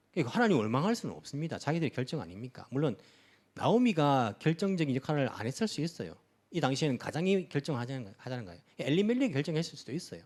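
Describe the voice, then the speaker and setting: Lively fast-talking male pastor preaching. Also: on the high side. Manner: animated preaching with many rhetorical questions to the congregation. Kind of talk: sermon. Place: church sanctuary.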